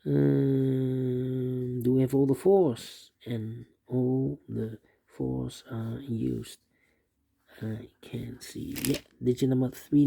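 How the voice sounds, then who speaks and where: A sudoku instructor with a dark, gravelly, mid-range voice teaches a puzzle solve at his desk. He thinks aloud steadily and methodically, repeating pairs of numbers under his breath as he works.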